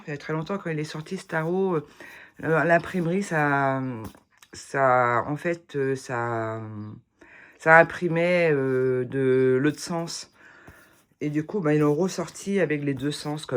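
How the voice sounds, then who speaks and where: A woman's voice: low voice, takes it slowly. A woman chatting casually to the camera as she shows off her tarot decks, rambling and full of hesitations and restarts. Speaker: vlogger showing tarot decks. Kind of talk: casual chat.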